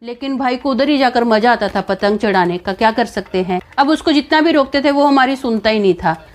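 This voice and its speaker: A woman's voice: fairly high pitch, brisk. A young woman casually telling a first-person story, acting out the lines of the people in it. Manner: chatty, acts out quoted dialogue.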